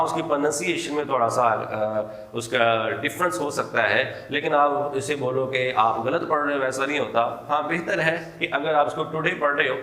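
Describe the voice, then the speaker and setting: A man with a Pakistani accent giving a recorded English lecture, repeating points and reading English example sentences out slowly and deliberately. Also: mid-range voice, pushed and bright. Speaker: college English teacher. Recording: echoey hall with long reverb.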